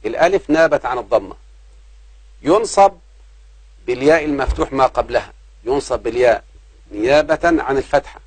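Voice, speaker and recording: A man's voice: medium pitch, dry recording, poor audio. A man teaching a grammar lesson. He repeats key points and poses rhetorical questions to the class. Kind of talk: grammar lesson explaining a text.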